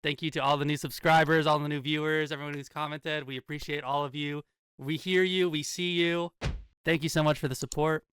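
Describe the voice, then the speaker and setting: A man's voice: fairly high pitch, steady tone, a little fast, fairly bright tone, slight background noise. Upbeat young man hosting a podcast. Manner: upbeat, hype intros. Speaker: podcast host. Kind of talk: casual podcast chat.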